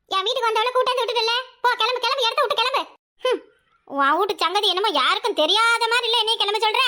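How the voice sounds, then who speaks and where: A woman does cartoon voice acting as a sharp-tongued, quarrelsome village housewife. She speaks with a Kanyakumari Tamil accent in a rapid, scolding way, and her voice is very high.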